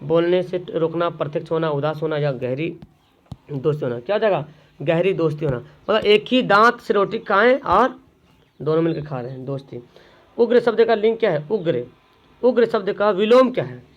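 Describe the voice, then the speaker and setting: A man's voice: on the high side, expressive, normal speed, dull audio. A man, tutoring students through exam questions, repeating each question and then answering it himself.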